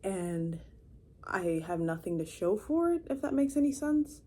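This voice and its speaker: Indoors in her own room, a 23-year-old vlogger chats to camera in a rambling, casual way, often using fillers and restarting. Her medium-pitched voice is warm and sing-song, and her pace is unhurried.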